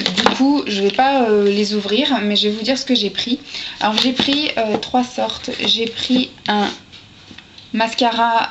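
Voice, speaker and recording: A woman chatting casually to her camera as a beauty vlogger, hesitant and full of fillers, with little asides as she handles things. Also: fairly high pitch. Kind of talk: casual haul chat to camera. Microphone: camera's built-in mic. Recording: dull lo-fi camera audio with steady hiss.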